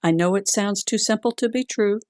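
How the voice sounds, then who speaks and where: A woman instructor leading a calm grounding exercise in a gentle, deliberate way. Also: mid-range voice, no room sound, clean studio sound. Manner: slow, gentle, deliberate with long pauses.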